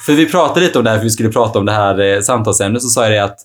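Relaxed, chatty man with a lowish voice and a lot of filler words. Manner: relaxed, chatty, many fillers like "liksom" and "typ". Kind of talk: casual chat.

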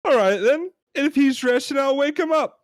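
A man's voice: animated, moderate pace. A man voicing an indignant English customer complaining about a dead parrot, in a put-on British accent. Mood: exasperated. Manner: high-pitched, loud, exasperated.

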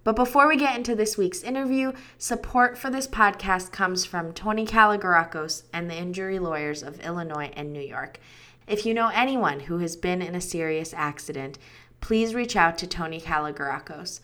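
A woman hosts a podcast, reading her scripted introduction with clear enthusiasm. Her voice sits a touch low. It has a bright, forceful edge. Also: moderate pace. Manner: upbeat, enthusiastic delivery. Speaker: podcast host.

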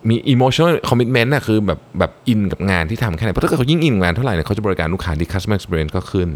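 Lively deep-voiced Thai man. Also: fast talker. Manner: lively, mixes English terms, frequent polite particles. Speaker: podcast host. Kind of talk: solo explanatory talk.

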